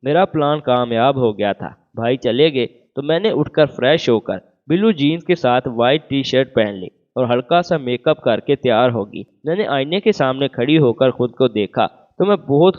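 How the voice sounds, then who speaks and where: A man reading a romantic first-person story as scripted narration, voicing every part in the same even voice. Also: medium pitch, hardly any pauses. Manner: reads all parts in one even voice. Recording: phone-like narrow band.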